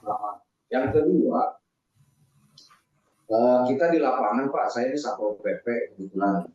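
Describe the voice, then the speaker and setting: A man, a civil police officer, politely putting questions in an online meeting, his voice cutting in and out over the connection and halting with fillers. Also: medium pitch, expressive, darkish tone. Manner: polite, keeps addressing the listener as sir, halting with fillers. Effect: online call audio breaking up and cutting out. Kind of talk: questions in a video call meeting. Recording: muffled, echoey, distant call audio.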